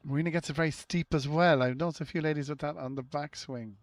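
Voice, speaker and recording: An Irish man commentating live on golf in a casual, low-key way, with short shot descriptions and chatty asides. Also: steady tone, fast talker, dry recording.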